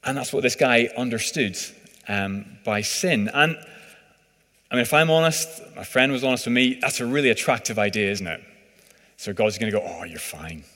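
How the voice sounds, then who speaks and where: Preacher in a reverberant hall. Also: male voice, mid-range voice, lively intonation, moderate pace, pushed and bright. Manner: conversational, hesitant with fillers and "sort of". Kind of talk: sermon.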